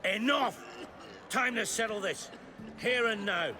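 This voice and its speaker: A man's voice: high-pitched, slow, noisy background. An actor playing a blunt, commanding male chieftain in a video game. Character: blunt, rough-spoken male island chieftain.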